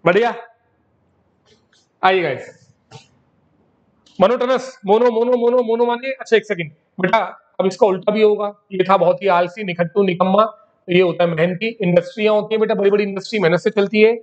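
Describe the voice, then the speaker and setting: A high-pitched man teaches vocabulary in a patient classroom style. He repeats each word several times and keeps calling his students "beta." The recording sounds dull and lo-fi. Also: steady tone, normal speed. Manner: addresses students as beta, repeats words in drills.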